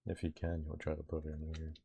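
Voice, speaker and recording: A man's voice: a bass voice, completely flat delivery, fast, gravelly, warm tone, a little hiss or hum. A young man streaming a game, chatting casually with his viewers in a laid-back, slangy way. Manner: laid-back, slangy, talks to chat and himself. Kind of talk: casual live-stream chat.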